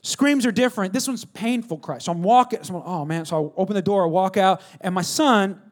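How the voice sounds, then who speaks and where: A man's voice: high-pitched, a little fast. A man preaching a sermon, telling family stories in a conversational way and asking the congregation to respond. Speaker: pastor.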